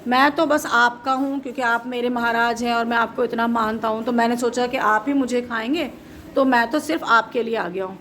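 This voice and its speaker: A woman voicing a small, clever male rabbit who talks in a sly, flattering way, in a story for children. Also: fairly high pitch, a little fast, slight background noise, lightly acted.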